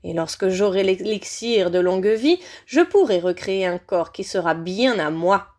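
A woman voicing a menacing male dark wizard in a high, shrill voice, speaking slowly and coldly, in an audiobook reading. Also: animated, natural voice. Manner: slow, hissing and cold, then screeching. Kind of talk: audiobook character voice.

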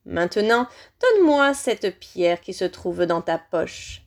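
A woman voicing a menacing male dark wizard in a high, shrill voice, speaking slowly and coldly, in an audiobook reading. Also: very animated, heavily acted. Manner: slow, hissing and cold, then screeching. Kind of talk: audiobook character voice.

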